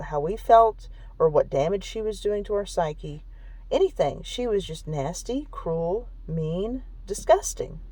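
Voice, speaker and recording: A woman's voice: fairly low pitch, a little mellow, no room sound, poor audio. A woman vlogger recounting a personal story in an emphatic, repetitive way, often checking in with "okay?" and sounding shaken. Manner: emphatic, repetitive, keeps adding "okay?" and "really"; emotionally shaken when recounting hurt.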